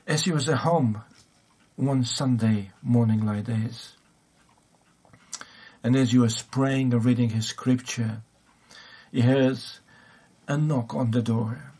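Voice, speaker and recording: A man's voice: medium pitch, slow, pauses often, warm tone, breathy edge. A man preaching a sermon, hesitant, with many fillers and restarts.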